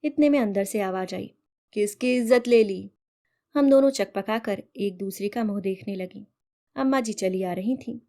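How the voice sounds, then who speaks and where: A woman storyteller giving an expressive, measured read-aloud narration of a short story. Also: medium pitch.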